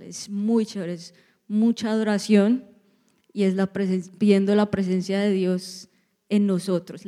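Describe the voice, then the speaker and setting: A woman pastor giving a sermon in a church, lively, with joking asides to the congregation. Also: mid-range voice, in a large hall.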